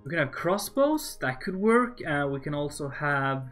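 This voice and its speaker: A Norwegian man with a Norwegian accent streams himself building in Minecraft, his voice on the high side, very animated, a bit bright, and at normal speed. He rambles casually, talking to himself and joking with viewers, with faint music in the background.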